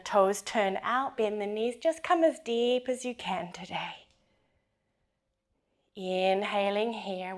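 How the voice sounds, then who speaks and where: A woman leading a yoga flow as instructor, giving breath cues in a steady, measured, gentle cadence. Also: mid-range voice.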